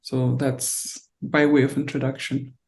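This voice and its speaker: A middle-aged woman born in Ethiopia and raised in North Carolina, a diplomat recalling her life in an oral history interview, halting and reflective with many fillers. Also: rumbling low, flat delivery, darkish tone.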